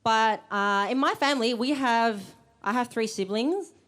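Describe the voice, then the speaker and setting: Welcoming an audience in an event room, a young Australian host talks in a chatty, slightly nervous way, dropping plenty of ums. Her voice leans high and a bit bright, and she keeps a measured pace.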